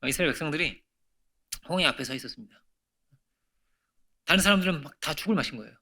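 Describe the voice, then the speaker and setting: Bright-voiced preaching man, asking the room. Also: on the high side, animated, fast talker. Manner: conversational preaching with frequent rhetorical questions; rises to emphatic peaks and drops to near-whispers. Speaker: pastor. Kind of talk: sermon. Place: church sanctuary.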